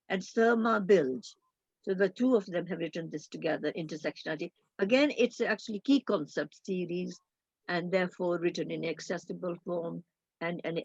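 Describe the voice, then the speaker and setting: An older woman, a guest academic in a roundtable discussion, speaking in a measured, thoughtful way with frequent pauses. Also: medium pitch, slightly rough, dry recording, lo-fi sound.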